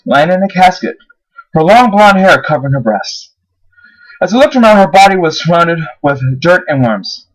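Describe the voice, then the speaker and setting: A man's voice: a little high, fairly bright tone, poor audio. A man reading his own first-person horror story aloud, his voice rising on the dramatic moments. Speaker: narrator.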